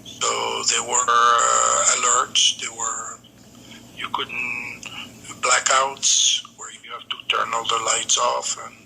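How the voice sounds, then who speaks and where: A Morocco-born man in his seventies recalls his childhood for his grandson over a video call, unhurried and pausing often on "uh". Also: medium pitch, monotone, gravelly, sharp tone, a little hiss or hum, low-quality recording. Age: 70s. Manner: unhurried reminiscing, pauses often on "uh". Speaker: grandfather being interviewed. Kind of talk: remote family interview.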